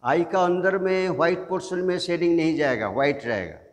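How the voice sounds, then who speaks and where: A man teaching an online drawing class, giving slow step-by-step instructions and mixing in English. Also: on the high side, expressive, big-room sound. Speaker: art teacher.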